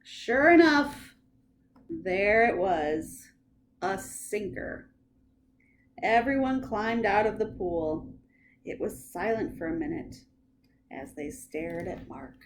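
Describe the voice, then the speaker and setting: A woman librarian reading bedtime stories aloud with expressive, animated storytelling. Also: medium pitch, takes it slowly, long pauses, a little hiss or hum.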